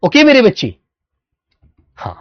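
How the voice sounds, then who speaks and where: Guy teaching hindi online, dictates words slowly, kinda dull dry audio. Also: extremely high pitch, wildly swooping pitch, dry recording. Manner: dictating words slowly, calling students "beta". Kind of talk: online class lecture.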